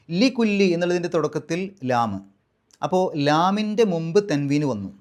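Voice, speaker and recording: Patient man teaching recitation, slightly high voice. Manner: patient, step-by-step explaining, slowly drawing out recited words. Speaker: Quran teacher. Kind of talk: recitation rules lesson.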